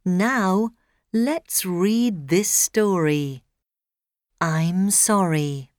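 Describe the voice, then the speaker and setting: A woman narrating a storybook for learners, very slow, clear and expressive. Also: lowish voice, dry recording, clean studio sound.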